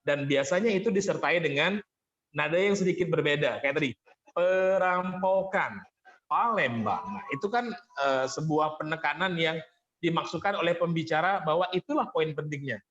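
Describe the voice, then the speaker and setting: A man coaches a group on voice technique over an online call, his voice sitting a little high. He explains patiently and keeps thanking his participants. The audio is dull and lo-fi. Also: brisk, fairly bright tone. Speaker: vocal training coach. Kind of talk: online workshop teaching.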